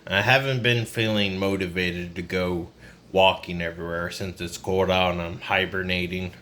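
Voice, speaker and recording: Man, twenties, very low pitch, downcast burned-out confiding manner, casual vlog talk, some background noise. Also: fairly even intonation, moderate pace, a bit bright. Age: 20s. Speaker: vlogger. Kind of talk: casual rambling personal vlog. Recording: noisy ambient background.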